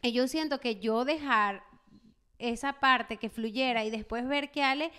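A woman, co-hosting a casual chat podcast and telling animated stories that act out each scene. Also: a little high, unhurried, clear, resonant tone. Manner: animated storyteller who acts out scenes. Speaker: podcast co-host.

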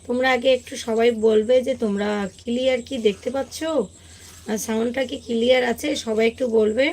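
A woman, hoarse today, hosting a casual live stream and greeting viewers one by one. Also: a little high, steady tone, a little fast, darkish tone.

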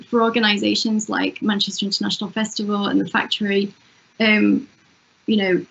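Speaking from home through a wired earphone mic, a festival director fields interview questions on a video call, stalling with fillers and restarting often. Her medium-pitched voice carries vocal fry, and the muffled call audio has a bit of background noise.

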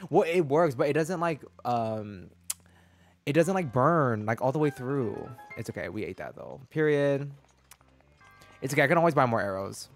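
Young male streamer, lively swooping delivery, slang-heavy casual chat. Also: mid-range voice, normal speed, gravelly, soft background music. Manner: animated and chatty, full of slang. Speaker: game streamer.

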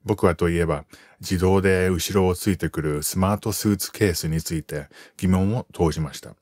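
Deep-voiced guy reading a study text slow and steady, dry close mic. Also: no room sound. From United States. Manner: calm, measured reading, slowing to spell out terms. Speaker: narrator reading an article. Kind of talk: scripted reading for language learners.

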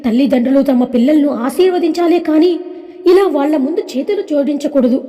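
A woman's voice: sits high, brisk, dark tone, long reverb tail, faint music behind, close to an everyday voice. A woman doing a tearful, insistent young wife. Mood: pleading. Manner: pleading, indignant.

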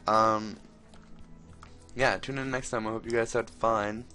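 A young man giving casual, excitable commentary while he plays, exclaiming often and talking to the characters on screen. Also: fairly low pitch, measured pace, soft background music. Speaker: gameplay commentator.

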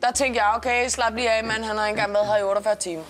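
A woman's voice: a little high, steady tone. A woman reality show contestant speaking hurt and disappointed. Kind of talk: confessional interview. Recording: music underneath.

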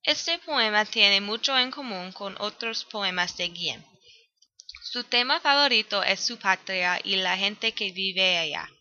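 A woman's voice: mid-range voice, expressive, a little slow, sharp tone. A woman student reading a prepared poem analysis aloud, evenly, with some grammar slips. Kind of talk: read-aloud school presentation. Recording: dull, dry lo-fi recording.

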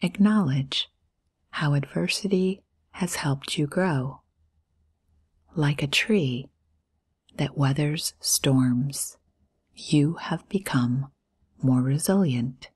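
A woman with a low, slightly mellow voice guides a meditation in a breathy near-whisper. Her delivery is very slow and soothing, with short phrases separated by generous pauses.

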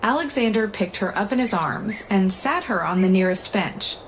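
A woman hosting a story channel, calmly narrating a scripted life story, with faint noise in the recording. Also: mid-range voice, moderate pace.

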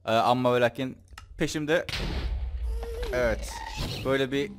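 A man giving casual, jokey commentary while playing a video game, breaking into excited yells. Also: medium pitch, a little slow, soft background music. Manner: chatty, jokey, bursts into excited yelling. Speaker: gameplay commentator. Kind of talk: let's play commentary.

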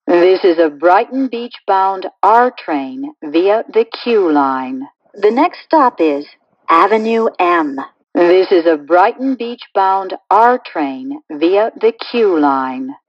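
Slow spliced-together train announcer lady, muffled and dry, a bit far off. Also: animated, dry recording. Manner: slow, measured, stop names in a different pitch. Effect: spliced-together prerecorded words.

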